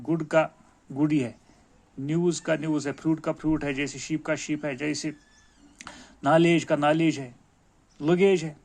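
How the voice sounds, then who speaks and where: A man with a Kashmiri accent teaches a grammar class, his voice sitting a little higher than most men's. He explains step by step in a patient classroom manner, talking to his pupils as dear children. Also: creaky, a little mellow. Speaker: school teacher.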